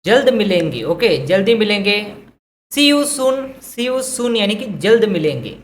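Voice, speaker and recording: A woman teaching English vocabulary who says each phrase slowly twice and then explains it in Hindi. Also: medium pitch, big pitch swings, slight background noise. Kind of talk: vocabulary lesson.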